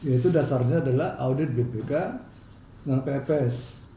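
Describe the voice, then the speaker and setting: A man's voice: mid-range voice, fairly quick, warm tone, far from the mic. A man with a speech impediment that slurs his r sounds, explaining a legal case emphatically as an interview guest, repeating his points. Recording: roomy echo, faint background noise.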